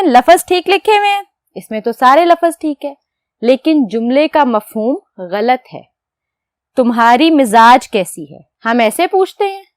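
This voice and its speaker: A woman teacher giving a lesson to young students, explaining patiently step by step and asking questions that she answers herself, then dictating words slowly as she writes. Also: sits high, dry recording. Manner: dictates slowly while writing. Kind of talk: classroom lecture to children.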